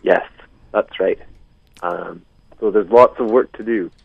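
A man's voice: lowish voice, creaky, slightly rough, no echo. Jokey man on a muffled speakerphone. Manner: jokey, rambling, quick asides. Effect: heard through a phone on speakerphone. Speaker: radio co-host calling in. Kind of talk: casual on-air banter. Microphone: phone on speakerphone. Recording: muffled phone line.

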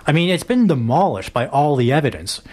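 A man's voice: a little high, very animated, a little fast, a little mellow. A man hosting a casual talk radio discussion, rambling with lots of fillers. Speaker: radio talk show host.

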